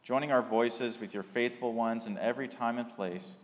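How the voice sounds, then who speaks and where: A man leading liturgical prayers in a slow, measured way, his voice carried by a long cathedral-like echo in a large church. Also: medium pitch, fairly even intonation. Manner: slow, measured litany delivery. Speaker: worship leader. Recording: reverberant church hall.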